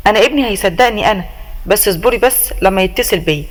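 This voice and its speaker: A woman's voice: medium pitch, quick pace, lightly acted, poor audio. A woman voicing a nagging, indignant older mother-in-law who scolds and curses, in an Egyptian accent. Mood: scolding. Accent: Egyptian Arabic. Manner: scolding, exclaiming, cursing.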